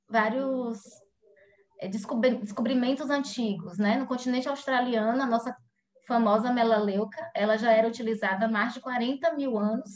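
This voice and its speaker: A woman presents live online. Her voice sits a little high, and she explains at an easy pace, often pausing on fillers and restarting her sentences. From Salvador, Brazil. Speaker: physiotherapist presenter.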